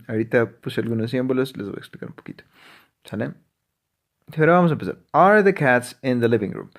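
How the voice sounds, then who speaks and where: A male language teacher explains grammar at a steady medium pitch. He stresses his points and keeps dropping in short "ujú" affirmations to move the lesson along. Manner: frequent "ujú" affirmations, emphatic.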